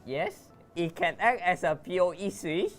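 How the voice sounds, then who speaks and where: A woman specialist walking through network storage hardware in a plain, patient, matter-of-fact way. Her voice sits low for a woman, with faint music in the background. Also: animated, measured pace. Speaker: product specialist. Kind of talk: explaining tech products.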